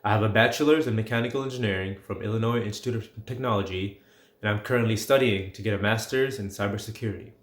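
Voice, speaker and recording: Twenties male, grad student, plain matter-of-fact intro, low voice, echoey room. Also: quick pace. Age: 20s. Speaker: graduate student. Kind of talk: personal introduction.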